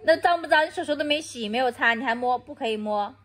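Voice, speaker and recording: A woman's voice: sits high, fast talker, fairly bright tone. A woman from Anhui scolding her toddler at home, repeating baby talk. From Anhui, China.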